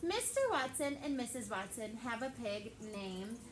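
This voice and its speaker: Her voice is on the high side with lively intonation and a normal pace as this young teacher reads a story to her elementary students. She's chatty, leans heavily on "like," and asks the kids many questions, all in an echoey classroom with background noise.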